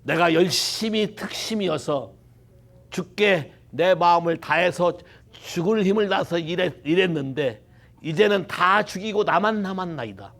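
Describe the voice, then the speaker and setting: Preacher playing a tired old prophet, gravelly, plaintive, self-pitying. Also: male voice, high-pitched, animated, a little slow, fairly bright tone, full character voice. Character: weary complaining old male prophet.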